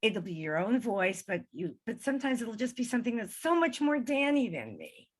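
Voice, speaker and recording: A woman in her seventies, a guest on an interview show, telling a personal story in a lively conversational way and acting out the voices she quotes. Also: fairly high pitch, normal speed. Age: 70s. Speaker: guest, medium.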